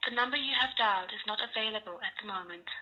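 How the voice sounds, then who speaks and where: A woman's voice in a recorded phone network announcement, with an even, formal and repetitive delivery. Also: mid-range voice, fast, dull audio. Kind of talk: automated recorded message.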